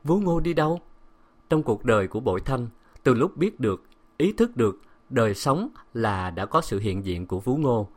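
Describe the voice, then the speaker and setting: A male narrator reading a novel aloud. He tells the story in a steady, expressive way. Audiobook storytelling. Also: lowish voice, moderate pace.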